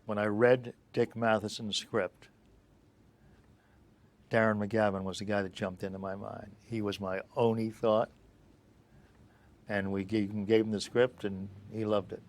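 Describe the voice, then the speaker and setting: An older male film producer telling animated interview anecdotes and acting out the dialogue. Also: on the low side, a little slow, pauses often. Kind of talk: interview storytelling.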